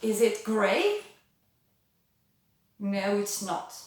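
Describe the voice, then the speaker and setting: A woman teacher talking slowly and patiently to young children, switching between French and English and asking exaggerated questions. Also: medium pitch, sing-song, a little mellow. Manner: sings nursery songs. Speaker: kindergarten teacher. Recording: very echoey room, voice from a distance.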